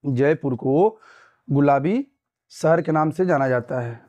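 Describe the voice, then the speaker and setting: A man's voice: on the high side, slow pace, mellow, dull audio. A young man from Uttar Pradesh teaching an exam-prep lesson, repeating points and quizzing listeners with tag questions. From Uttar Pradesh, India.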